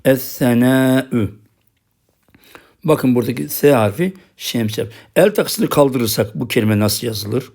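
Male teacher with a Turkish accent. Recorded lesson, slow drilled pronunciation, quick explanations. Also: mid-range voice, animated, creaky, a little mellow, slightly rough. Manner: pronounces each example word slowly twice, then explains quickly. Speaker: Arabic writing teacher.

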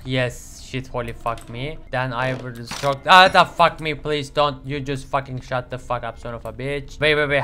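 A young man commentating his own horror game playthrough, swearing often, bursting into yells and slipping into English curses. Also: medium pitch, heavy background noise. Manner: excitable, swears a lot, sudden yelling outbursts. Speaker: gaming channel host. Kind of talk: let's play commentary.

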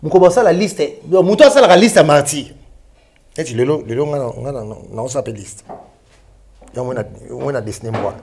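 A man in casual, animated chat, mixing French and Lingala. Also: medium pitch, fairly quick.

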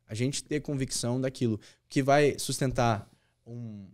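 A man's voice: medium pitch, measured pace, darkish tone. A man, a youth pastor telling a personal story as a podcast guest, earnest and repeating key words for emphasis.

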